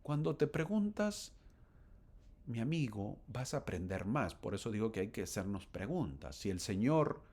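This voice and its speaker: A man teaching a scripture lesson in a lively, swooping voice with a husky edge. He talks straight to the listener as a friend and keeps posing rhetorical questions. His voice sits fairly low. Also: normal speed. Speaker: gospel teacher.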